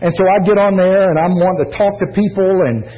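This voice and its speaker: A man's voice: sits high, fast talker, lo-fi sound. A man with an American accent, a pastor preaching a sermon with folksy stories, jokes and asides to the congregation. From United States.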